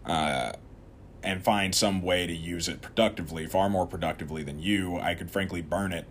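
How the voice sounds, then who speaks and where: A man hosting an opinionated political commentary show, talking straight to his viewers in a sarcastic, animated way. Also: low-pitched, slight background noise.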